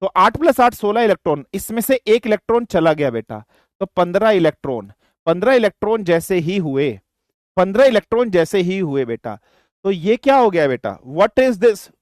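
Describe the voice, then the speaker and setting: A man's voice: high-pitched, big pitch swings, moderate pace, dry recording. An older man teaching a physics class online, repeating questions to his students, with a dry throat. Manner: addresses students as beta, repeats questions, mixes Hindi and English.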